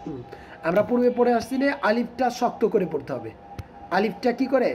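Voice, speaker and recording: A man teaching children to read Quran letters, asking them questions and repeating the sounds slowly. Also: high voice, very animated, darkish tone.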